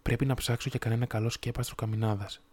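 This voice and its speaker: A man voicing a proud, fussy male swallow who talks bluntly and grumbles to himself, read softly in a storybook. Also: mid-range voice, level tone, slightly rough, close to an everyday voice.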